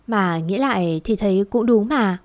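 A woman voicing an aging, gentle father who speaks slowly in a choked, pleading way. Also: mid-range voice, animated, no echo, close to an everyday voice. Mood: tearful.

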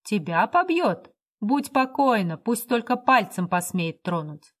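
A woman's voice: medium pitch, sing-song, measured pace. An earnest workman lectures sternly about right and wrong, as a woman narrator reads his lines. He is preachy and firm. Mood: indignant.

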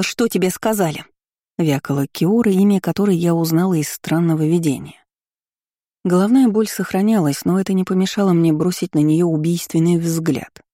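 Low dark-voiced woman reading a novel. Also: no room sound, studio quality. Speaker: narrator. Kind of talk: first-person audiobook reading.

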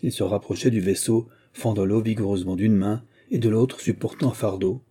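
A man reading a novel aloud as an audiobook, in steady, measured narration. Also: lowish voice, breathy edge. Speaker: audiobook reader. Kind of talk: scripted narration.

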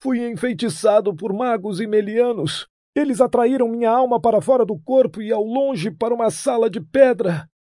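A man voicing a tormented dying young king who pleads and then commands in a high, strained wail. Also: moderate pace, few pauses, mellow, no echo, clean studio sound. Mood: urgent. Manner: desperate, urgent, imperious. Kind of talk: audiobook character voice.

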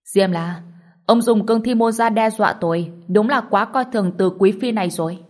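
A woman's voice: medium pitch, normal speed, a little mellow, voice pushed up, lightly acted. A woman voicing a proud male martial master who speaks coldly and with scorn. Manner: cold, scornful.

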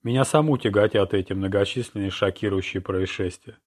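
Audiobook: male narrator voicing an older woman, cold and indifferent, low-pitched. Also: a little fast, lightly acted. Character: cold, eerily detached old rich woman.

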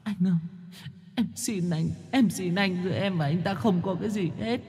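A man's voice: normal speed, darkish tone, big-room sound. A man voicing a tearful young wife who stammers as she pleads with her husband. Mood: pleading sobs. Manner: sobbing, stammering falsetto plea.

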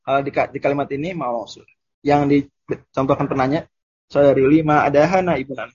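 A man teaching Arabic grammar in a casual online lesson, explaining terms and repeating Arabic examples slowly. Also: mid-range voice, fairly even intonation, a little mellow, slightly rough, highs cut off.

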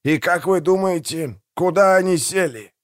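A man's voice: sits high, lively intonation, moderate pace, voice pushed up. A man voicing a greedy, gloating male pirate mayor who barks orders, in a storybook reading. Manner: loud, barking orders.

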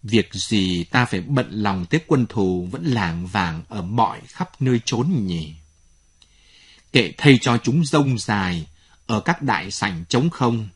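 A man's voice: on the low side, animated, slow pace, slightly rough, exaggerated voice. A man voicing a proud, defiant pharaoh thinking aloud, in a storybook reading.

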